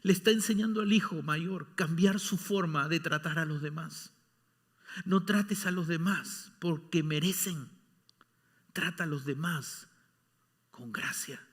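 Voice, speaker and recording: A male pastor preaching a sermon, emphatic, dropping at times into soft whispers. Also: fairly high pitch, measured pace, slightly rough, in a large hall. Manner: emphatic, shifting between loud exclamations and soft whispers. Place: church sanctuary.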